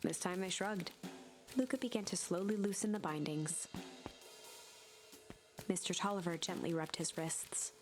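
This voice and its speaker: A woman reading a narrative game's text aloud in an even, measured storytelling manner. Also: fairly low pitch, faint music behind. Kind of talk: scripted narration of a game aloud.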